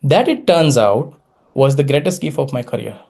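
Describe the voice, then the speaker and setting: Delivering a prepared Toastmasters speech, a late-thirties Indian man whose native language is Gujarati recounts his story in Gujarati-accented English. Dramatic pauses and wry self-mockery mark his talk, voiced in a darkish mid-range register with lively intonation and vocal fry.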